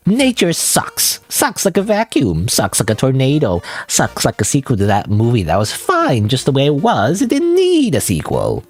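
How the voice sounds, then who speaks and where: A man's voice: medium pitch, wildly swooping pitch, moderate pace, hardly any pauses. A man voicing a silly, sarcastic clown-like game character with a taunting, theatrical manner. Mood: gleefully sarcastic. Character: silly sarcastic clown-like male council member, cheerfully obnoxious.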